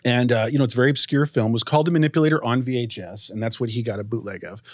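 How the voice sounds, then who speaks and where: Rambling male podcast co-host, animated storyteller, dry close mic. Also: medium pitch, rapid-fire, dry recording. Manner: rambling, animated, acts out quotes. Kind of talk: casual storytelling chat.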